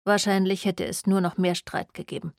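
A woman's voice: mid-range voice, flat delivery, normal speed, vocal fry, no echo. Woman narrating a novel, dry and close. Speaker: audiobook narrator. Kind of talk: scripted narration.

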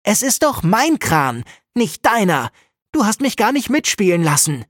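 Lady doing a furious little boy, high and whiny, yelling, dry close sound. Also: sing-song, unhurried, no room sound. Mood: angry, whiny. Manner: shrill shouting, whiny. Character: angry upset little boy.

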